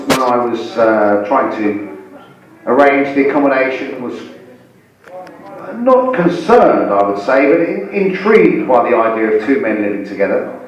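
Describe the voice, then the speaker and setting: A man in his forties hosting live stand-up, talking haltingly with repeated words as he chats to the audience. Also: mid-range voice. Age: 40s. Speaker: stand-up comedian and host. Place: indoor comedy venue. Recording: echoey live room, distant mic.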